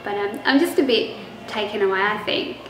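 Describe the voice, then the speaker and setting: In a casual vlog update about her pregnancy, a young woman talks fairly quickly at a medium pitch, even as her voice is going. She's chatty and quick to laugh, with many ums and restarts. The recording is echoey with faint noise.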